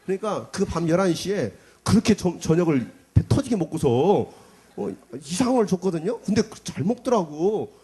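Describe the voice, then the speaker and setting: A man's voice: high-pitched, normal speed, slightly rough. A middle-aged man, a pastor, telling a personal story in a sermon and acting out the voices and cries of the people in it. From South Korea. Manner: animated storyteller, acts out cries and quotes.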